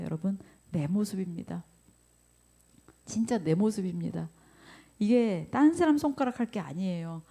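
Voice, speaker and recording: A woman pastor preaching a sermon, acting out grumbling remarks and asking the congregation questions. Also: medium pitch. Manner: animated, acts out grumbling quotes, questions the congregation.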